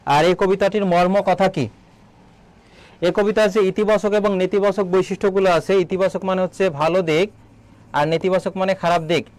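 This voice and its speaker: A man teaching an online exam-prep lesson, asking students questions, answering them himself and repeating key words slowly. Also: sits high, fairly even intonation, a little mellow. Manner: quizzes students, then answers his own questions. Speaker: admission exam tutor.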